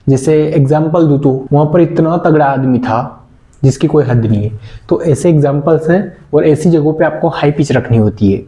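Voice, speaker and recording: With a fairly high, warm voice, a young man runs a relaxed online class on communication skills. He comes across as chatty, earnest and pleading, dropping English words into his Hindi, and the room sounds echoey.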